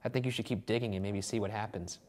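A man co-hosting a true-crime show, teasing his partner and reacting with quick laughs. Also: lowish voice, fairly even intonation, darkish tone, slight background noise. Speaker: co-host. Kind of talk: joking true-crime banter.

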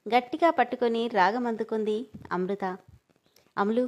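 A woman storyteller reading a family drama aloud in a steady, expressive narration. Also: fairly high pitch, brisk.

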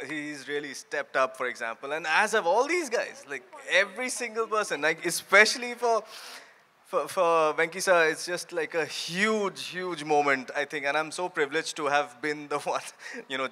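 A middle-aged man with an Indian accent talking casually on a press panel, halting as he searches for words, into a handheld microphone. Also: fairly high pitch, sharp tone. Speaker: show creator on a press panel. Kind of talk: casual unscripted panel talk. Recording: faint noise, live stage microphone.

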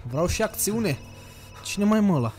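A man's voice: high voice, lively intonation, music in the background. A young man playing a horror game on a desk microphone, commenting casually, swearing and yelping when startled. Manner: jumpy, swears a lot, yelps and shouts when scared. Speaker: gaming streamer. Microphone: desk USB microphone.

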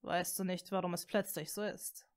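A woman reading a fan story aloud, voicing a gentle, tentative blond teenage boy wizard in a soft, hushed voice. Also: fairly low pitch, little pitch movement, moderate pace, pitched below the performer's own voice, lightly acted.

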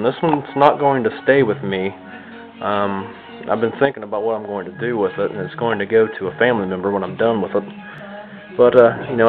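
Here an American man with a lowish voice presents his own radio restoration video, talking through the hands-on work casually and off the cuff with a folksy, self-mocking humor. He's recording indoors in his home kitchen or dining room. Because it's the handheld camera's built-in mic, the audio is band-limited and tinny, almost like a phone.

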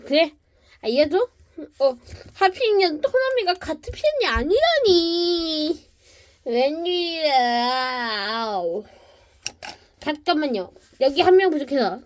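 Speaking slowly with a high-sitting voice and lively intonation, a woman plays every character in a comic cartoon. She switches between them, bursting into shouts and mock crying.

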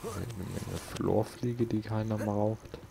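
This let's play host talks slowly in a low voice with vocal fry and fairly even intonation, his southern German accent coloring his casual, colloquial gameplay commentary. He mutters to himself as he plays, against a noisy background with game music.

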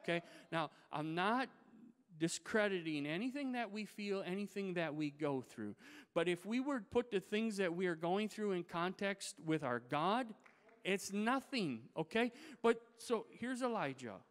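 Smooth-voiced male pastor preaching. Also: sits high, lively intonation, a little slow. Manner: conversational, emphatic storytelling. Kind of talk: sermon. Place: church sanctuary. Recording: reverberant church sanctuary.

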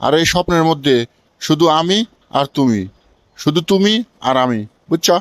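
Guy doing daft lovesick cartoon village dude, kinda high voice, bragging, emphatic, bangladeshi regional accent, dry sound. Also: lively intonation, normal speed, no echo, natural voice. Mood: dreamy, boastful. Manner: emphatic, keeps checking he is understood. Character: foolish, boastful, lovestruck village young man. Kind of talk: comic cartoon dialogue in colloquial dialect.

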